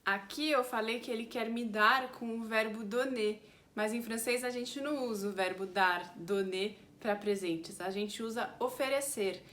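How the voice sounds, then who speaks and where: A young woman with a fairly high voice gives a clear, patient French lesson from a home setup. She slows down noticeably whenever she says an example sentence. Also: fairly bright tone. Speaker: French teacher. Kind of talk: language lesson. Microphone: desk microphone.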